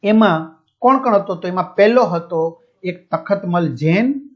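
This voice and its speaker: A man's voice: sits high, unhurried. A male teacher explaining a textbook chapter, glossing each word with a simpler one and asking and answering his own questions. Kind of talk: explaining a school textbook lesson. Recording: dull lo-fi audio.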